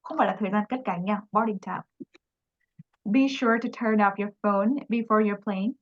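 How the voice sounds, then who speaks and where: A woman's voice: mid-range voice, steady tone, normal speed, highs cut off. A woman teaching an English lesson, patiently explaining and repeating example phrases.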